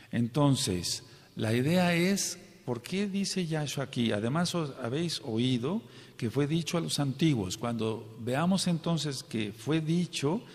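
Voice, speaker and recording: Male preacher, mid-pitched voice, emphatic teaching delivery, long echo of a big hall. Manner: emphatic, asks the congregation for amens and checks understanding. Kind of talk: sermon, Bible study teaching.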